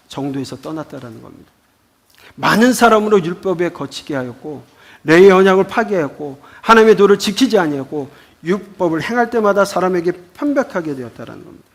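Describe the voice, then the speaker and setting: A man teaching a Bible school lecture, explaining scripture with rhetorical questions. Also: a little high.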